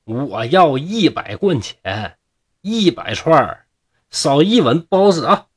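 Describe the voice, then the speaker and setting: A man with a Northeastern Mandarin accent voicing a greedy, scheming blind old male monk, making slow, drawn-out demands. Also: mid-range voice, lively intonation, close to an everyday voice. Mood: demanding.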